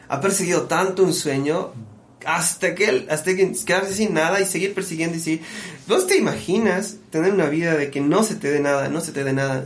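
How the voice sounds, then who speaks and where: A man, a musician and producer, telling stories in a casual podcast conversation with an animated, friendly manner. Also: a little high. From Bolivia. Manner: animated storyteller, often calls the listener "brother". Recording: echoey room with faint background noise.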